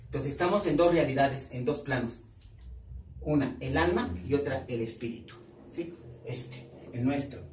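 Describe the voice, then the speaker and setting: A man's voice: medium pitch, moderate pace, darkish tone, a little hiss or hum. A male pastor teaching a sermon, quizzing the congregation with questions and repeating key words. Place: church hall. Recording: echoey hall, voice from far off.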